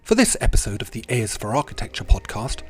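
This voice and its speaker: A man's voice: on the low side, big pitch swings, fast talker. A man from Britain hosting an interview podcast, asking questions politely and eagerly, with the odd stumble. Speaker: podcast host. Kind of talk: interview conversation.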